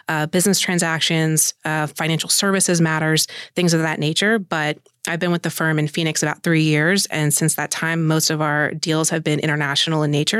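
A woman's voice: low voice, fairly bright tone, no room sound. A woman from Arizona, a corporate attorney, answering fluently in a studio panel interview. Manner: polished and fluent, with occasional fillers.

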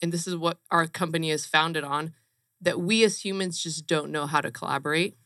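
A woman's voice: sits low, fairly even intonation, brisk, sharp tone, no room sound, studio quality. A woman from Romania, a company co-founder, speaking earnestly and emphatically as an interview guest. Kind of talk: casual interview chat.

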